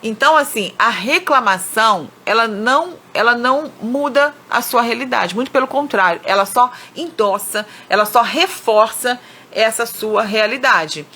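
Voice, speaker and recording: A woman's voice: a little high, normal speed, bright, forceful tone. A middle-aged woman from Brazil giving casual motivational advice about money and relationships, talking chattily and acting out the people she quotes.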